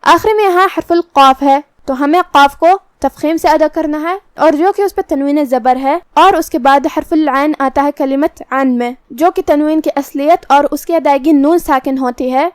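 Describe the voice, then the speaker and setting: A woman teaching Quran recitation rules step by step, in a calm and methodical manner. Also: high-pitched, dry recording. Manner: calm, methodical, explains each letter slowly. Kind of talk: step-by-step tajweed lesson.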